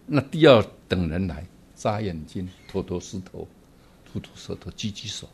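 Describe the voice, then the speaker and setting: A man giving a Buddhist dharma talk, animated and asking his listeners rhetorical questions. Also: sits low, normal speed, slightly rough. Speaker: Buddhist teacher.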